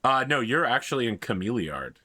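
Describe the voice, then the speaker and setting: A man acts as game master, narrating a tabletop role-playing game. His voice is very bright and medium in pitch, with a very dry, close sound. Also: big pitch swings, brisk, dry recording.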